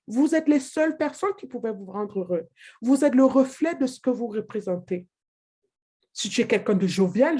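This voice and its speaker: A woman's voice: sits high, dark tone. A woman giving a motivational training talk, emphatic and direct, repeating her key phrases to the listener. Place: living in England.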